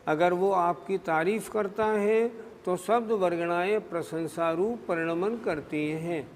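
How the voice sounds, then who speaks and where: Slow-speaking high-voiced male scholar. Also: in a large hall, slight background noise. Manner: slow, explanatory, poses and answers his own questions. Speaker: religious scholar answering questions. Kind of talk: scriptural discourse.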